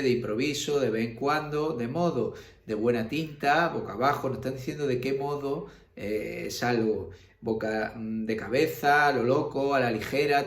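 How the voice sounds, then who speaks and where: Patient man teaching grammar, roomy echo. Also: mid-range voice. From Spain. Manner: explains patiently with many fillers and checks like "¿vale?". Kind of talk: recorded grammar lesson.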